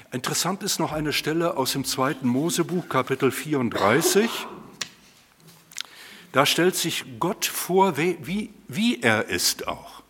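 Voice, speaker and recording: A middle-aged man preaching a sermon to a congregation in a conversational, animated way, speaking to them directly. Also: mid-range voice, slight background noise. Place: church hall before a congregation. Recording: long hall reverb.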